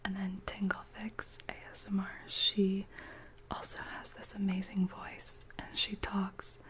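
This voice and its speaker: A woman whispering gently as an ASMR channel host, chatting slowly with many soft pauses. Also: medium pitch, flat delivery.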